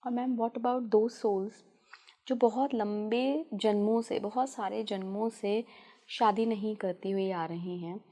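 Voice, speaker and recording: A woman's voice: medium pitch, fairly even intonation, takes it slowly, dark tone. A woman hosting a podcast, asking the guest long, detailed questions and politely addressing her as ma'am. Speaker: podcast host, interviewer.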